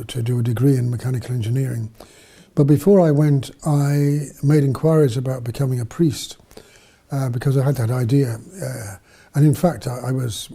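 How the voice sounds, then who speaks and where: A man's voice: medium pitch, mellow, slightly rough. A man in his seventies from England, a missionary priest telling his life story in a studio interview, rambling and correcting himself as he goes. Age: 70s.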